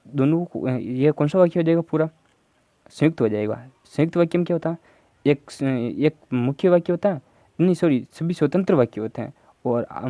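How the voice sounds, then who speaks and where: A man's voice: fairly high pitch, mellow, no echo. A man teaching Hindi grammar for an exam, going through answer options step by step and prompting viewers to answer. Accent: Rajasthani. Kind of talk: exam prep lesson.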